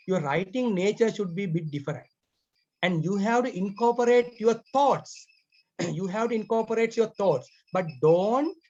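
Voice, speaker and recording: Sri Lankan male English teacher, native Sinhala, accented; repetitive, throat-clearing lecture; muffled lo-fi sound. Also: high-pitched, darkish tone. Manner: repeats key phrases, clears throat often. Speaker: IELTS writing teacher. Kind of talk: explanatory lecture. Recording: dull lo-fi recording.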